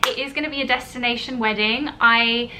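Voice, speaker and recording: A young woman vlogger, born in Italy and raised in the UK, tells a personal story to camera in a chatty, gushing storytime style, peppered with fillers like "you know". Her voice sits fairly high with fairly even intonation, and it sounds brisk, pushed and bright, with a slight hiss or hum.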